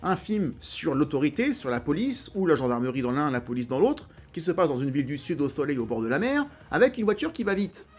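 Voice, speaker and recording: A man's voice: fairly high pitch, big pitch swings, brisk, hardly any pauses. A man hosting an enthusiastic, chatty, opinionated film commentary. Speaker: film video host.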